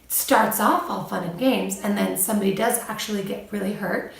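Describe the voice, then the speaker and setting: A woman's voice: medium pitch, brisk, vocal fry, recorded from a distance. A young woman and mom, giving parenting advice in a casual vlog, chatty, laughing often and livening up when she quotes her kids. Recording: echoey room, voice off-mic.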